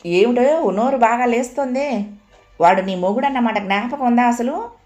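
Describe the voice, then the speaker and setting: A woman voicing a sharp-tongued older mother-in-law who speaks in a taunting, scornful, drawn-out way, in an audiobook reading. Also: fairly high pitch, pitched above the performer's own voice, lightly acted.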